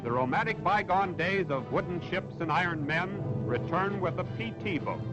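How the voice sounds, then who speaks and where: A man's voice: high voice, expressive, moderate pace, low-quality recording. A man narrating a 1940s newsreel in a dramatic, declamatory manner, heard on an old newsreel recording. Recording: old newsreel soundtrack with loud music.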